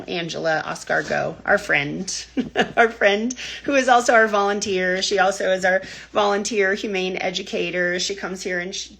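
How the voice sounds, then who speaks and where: Broadcasting from a tiny house, this woman runs a weekly news brief on livestream, greeting viewers by name with plenty of chatter and laughter. She has a lowish, husky, gravelly voice with a bit of brightness.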